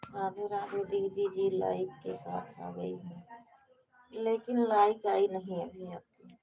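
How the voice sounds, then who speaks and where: A woman casually chatting with viewers on a live stream, speaking softly and hushed from a balcony at home. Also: mid-range voice, takes it slowly, vocal fry, low-quality recording. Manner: speaks softly and hushed to avoid waking others.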